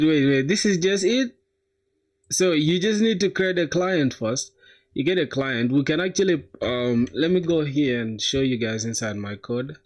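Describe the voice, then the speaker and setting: A young man from South Sudan live-streaming his coding, thinking aloud in a slangy, casual way with bursts of excitement. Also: a little high. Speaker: coding livestreamer.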